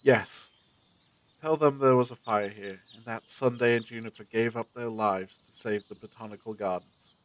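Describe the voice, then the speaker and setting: A man playing a brisk, secretive time-travelling adventurer in an audio drama, with a commanding, theatrical, abrupt manner. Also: mid-range voice, fairly even intonation, dry recording, natural voice. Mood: grave, insistent.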